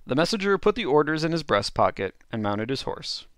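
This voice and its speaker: A man's voice: fairly high pitch, sing-song, fairly quick, fairly bright tone, no echo, studio quality. A man narrating a dubbed storybook play as host, with playful, chuckling asides.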